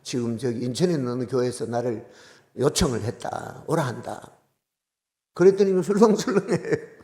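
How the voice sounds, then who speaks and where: An older man, a retired pastor with a Gyeongsang accent, preaching a sermon in a storytelling manner that swings between hushed asides and loud exclamations. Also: mid-range voice, normal speed, long reverb tail. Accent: Gyeongsang Korean.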